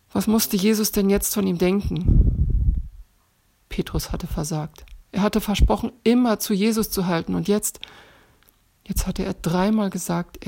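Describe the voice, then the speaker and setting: A woman narrates a children's bible story in a lowish, gravelly voice with a husky, breathy grain. She turns often to the child listening and speaks to them directly. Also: warm tone.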